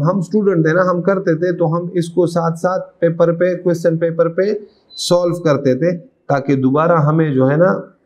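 A middle-aged Pakistani man teaching accounting in a classroom. He talks in a slightly high voice at an unhurried pace, reads out English legal clauses and keeps asking his students questions. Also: a little mellow, rough recording. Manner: mixes English legal text into Urdu explanation, asks students questions. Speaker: accounting lecturer. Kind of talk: classroom lecture.

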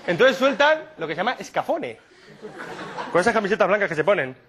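A man from doing a stand-up comedy monologue, telling absurd stories in a deadpan way and slipping into quick silly impressions. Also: sits high, background noise. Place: comedy stage before a live audience.

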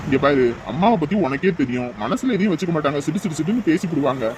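A man's voice: on the high side, lively intonation, quick pace, close to an everyday voice. An actor playing a polite young son-in-law who reassures his wife and her mother. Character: calm, reassuring young husband. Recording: noisy background.

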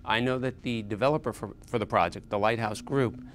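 A man in his fifties interviewing a guest in a studio, often halting and repeating words as he starts his questions. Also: fairly low pitch, a little hiss or hum. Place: small studio set with armchairs.

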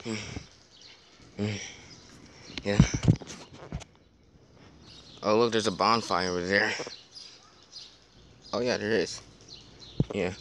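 A man's voice: lowish voice, steady tone, slow, long pauses. A young man improvising playful, casual, slangy dialogue for plush toys, recorded outdoors on a handheld device. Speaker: puppeteer voicing plush toys. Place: grassy backyard outdoors. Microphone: handheld phone or camera close by. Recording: outdoor handheld recording with clear background noise.

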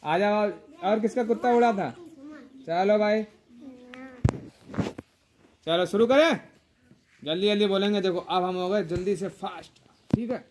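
A woman teacher leading a children's group game, calling out words loudly and often half-shouting, and teasing the players playfully. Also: medium pitch, a little slow, pauses often, noisy background.

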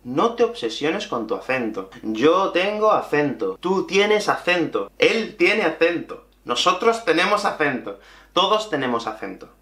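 Animated Andalusian teacher in an echoey room. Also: male voice, a little high, a little slow. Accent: Andalusian Spanish. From Andalusia, Spain. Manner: animated and emphatic, repeating key points. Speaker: Spanish teacher. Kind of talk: lively video lesson.

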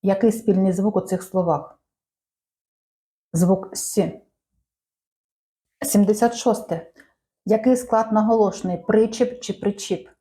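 A woman reading out language quiz questions and answers in a measured, clear teaching manner. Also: medium pitch, fairly even intonation, warm tone. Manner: measured, clear dictation-like delivery.

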